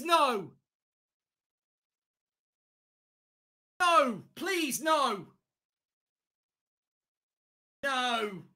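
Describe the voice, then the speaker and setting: Man yelling long goal shouts, forceful. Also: very high-pitched. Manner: shouted, drawn-out goal yells. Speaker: football watchalong host. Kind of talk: excited fan reaction commentary. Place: indoor streaming studio.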